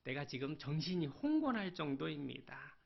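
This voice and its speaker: A weary prophet whines that he would rather die, as a man preaching puts him on. The voice sits high and gravelly, and each plea is drawn out. The sermon recording sounds dull and lo-fi. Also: very animated, heavily acted. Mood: complaining. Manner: pleading, drawn-out whining complaint. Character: weary complaining male prophet begging to die.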